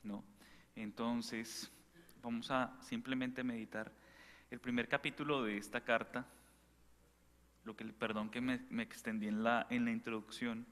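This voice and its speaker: A man preaching an informal sermon at a parish retreat, animated and full of rhetorical questions. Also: mid-range voice, measured pace, big-room sound. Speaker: priest giving a retreat talk.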